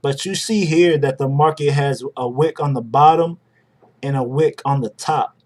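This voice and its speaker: A man's voice: medium pitch, moderate pace. A young adult man hosting a live stream, talking casually through charts and greeting viewers by name. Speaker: livestream host.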